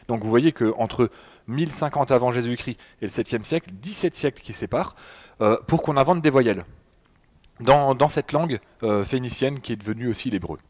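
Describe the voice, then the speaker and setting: A man's voice: mid-range voice, a little mellow. Hesitant French man giving a lecture. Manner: hesitant, many fillers and restarts, addresses audience. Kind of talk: public talk with slides. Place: public hall in front of an audience.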